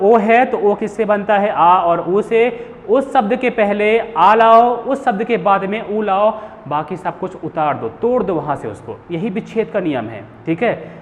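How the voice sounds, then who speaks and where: A young man teaching Hindi grammar in a classroom lesson, asking questions and answering them himself. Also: high-pitched. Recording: phone-like hall echo with faint hiss.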